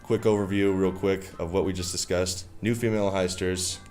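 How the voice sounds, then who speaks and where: A man hosts a studio livestream in a very deep voice, upbeat and chatty, with lots of quick affirmations. Faint music runs in the background. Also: fairly even intonation, darkish tone. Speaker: stream host. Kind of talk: livestream interview hosting.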